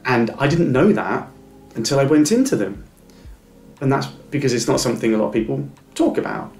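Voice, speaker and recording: This interview guest, a middle-aged man, has a medium-pitched, slightly mellow voice that swings widely in pitch and moves briskly. Reflecting on his experience, he gives sincere, encouraging advice while stammering through repeated words and false starts. Faint music plays in an echoing room.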